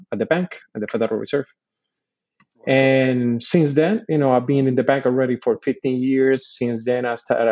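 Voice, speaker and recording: On dull-sounding audio, a man in his forties from Puerto Rico talks as a podcast guest. His voice is mid-range and a little mellow. The Army veteran lays things out patiently and sincerely in relaxed conversation, peppered with "you know."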